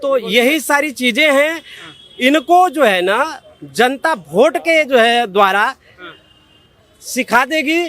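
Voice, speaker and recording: A man's voice: very high-pitched, lively intonation, slow pace, pauses often, sharp tone. A man giving emphatic political opinions in a street interview, repeating points and issuing warnings.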